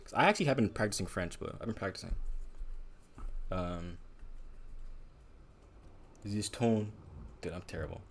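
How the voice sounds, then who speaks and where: Deep-voiced guy painting on a livestream, rambly and self-deprecating, faint background noise. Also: expressive, quick pace, long pauses, fairly bright tone. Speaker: painter streaming live. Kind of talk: casual livestream chat while painting.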